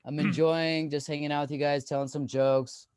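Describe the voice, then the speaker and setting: Man, 30s, stand-up comic, slightly high voice, rambling self-deprecating delivery, dry sound. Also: flat delivery, normal speed, a little mellow, clear, resonant tone, dry recording. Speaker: comedian. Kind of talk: stand-up comedy set.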